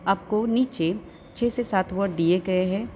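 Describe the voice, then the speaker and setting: A woman's voice: mid-range voice, unhurried, warm tone, a little hiss or hum. A woman teacher with an Urdu-speaking Indian accent, explaining an English lesson and carefully sounding out English words, repeating each one.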